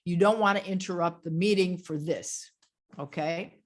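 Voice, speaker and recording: A woman's voice: lowish voice, moderate pace. Plain-spoken woman giving a lecture. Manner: direct, plain-spoken, often ends points with "okay?"; repeats key phrases for emphasis. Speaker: grief counselor giving a webinar lecture.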